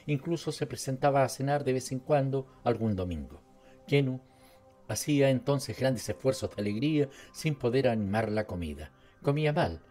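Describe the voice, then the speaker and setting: A man with a Latin American Spanish accent narrating an audiobook in a measured, steady reading. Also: medium pitch. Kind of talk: scripted narration.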